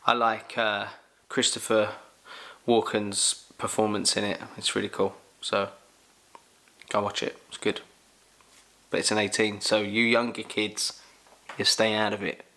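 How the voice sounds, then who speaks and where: A young man with a London accent, casually answering Q&A questions in a jokey, animated way. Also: fairly low pitch, a little slow. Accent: London English. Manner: animated, jokey, exclaims loudly. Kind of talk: casual Q&A chat.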